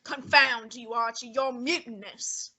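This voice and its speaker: For a student radio play, a teenage girl plays a pompous, haughty male detective who is fat and lazy. Her voice is high, bright, and exaggerated, with a steady tone, and she delivers lines slowly and clipped in an irritated mood.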